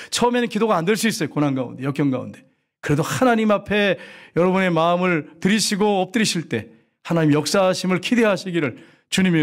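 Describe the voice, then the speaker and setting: A male pastor preaching a sermon, speaking directly to the congregation with sudden rises and drops in pitch. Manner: sings a hymn line slowly.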